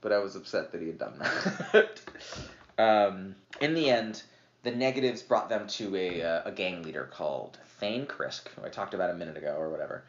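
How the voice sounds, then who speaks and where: Man, low voice, rambling casual chat, lots of ums, slightly tipsy, roomy dull recording. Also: expressive, moderate pace, slight background noise. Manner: rambling, filler-heavy, laughs often. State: a little tipsy. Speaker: podcast guest, game master. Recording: roomy, dull lo-fi podcast audio.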